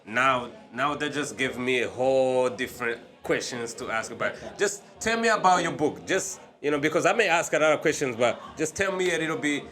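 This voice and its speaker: A man hosting a podcast interview, asking casual, halting questions. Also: medium pitch, animated, fairly bright tone. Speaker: podcast host.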